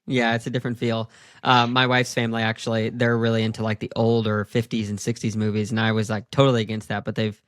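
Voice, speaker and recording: A man's voice: fairly low pitch, completely flat delivery, fast, dry recording, clean studio sound. A man hosting a podcast interview, chatting in a friendly, casual way with lots of fillers. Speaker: podcast host.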